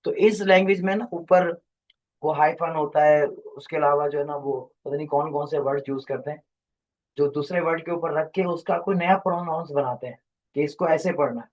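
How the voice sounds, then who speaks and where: A man's voice: a little high, steady tone, normal speed. Man teaching in a muffled classroom recording. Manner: rambling, explanatory, quizzes students. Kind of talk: classroom lecture.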